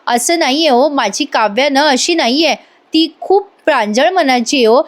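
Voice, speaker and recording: A gentle young bride pleads softly and earnestly, as a woman reads her lines. The voice is high and mild. She asks for patience again and again. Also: lively intonation, normal speed. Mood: pleading. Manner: soft, pleading.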